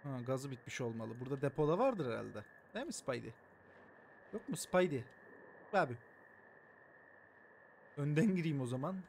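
A man's voice: mid-range voice, expressive, moderate pace, creaky, long pauses, a little hiss or hum. A man streaming a game live, joking around, swearing often and thanking his viewers by name. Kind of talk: live gameplay commentary.

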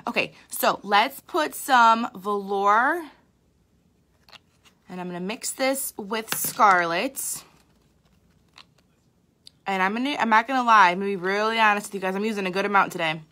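Young woman, sleepy voice, bright tone, chatty makeup tutorial, candid, filler-heavy. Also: medium pitch, lively intonation, normal speed, long pauses. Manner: chatty, candid, self-deprecating, lots of fillers. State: sleepy, tired voice. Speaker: makeup artist. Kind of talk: casual live makeup tutorial.

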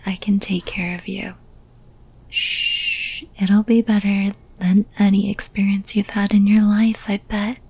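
A woman in a whispered role-play, playing an obsessively lovestruck thief who teases and coaxes her captive in a breathy, possessive whisper. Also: mid-range voice, darkish tone, poor audio. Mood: soothing, tender. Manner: slow, breathy, coaxing whisper with pet names. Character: infamous female thief, obsessively lovestruck, teasing and possessive kidnapper.

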